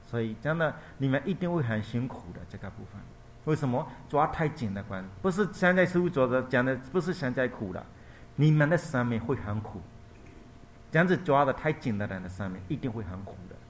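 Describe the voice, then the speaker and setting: A male monk telling a Buddhist story in a dharma talk. He is repetitive and explanatory, pauses to search for words and closes points softly. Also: mid-range voice, expressive, a little hiss or hum. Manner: repetitive, explanatory, ends points with a quiet tag.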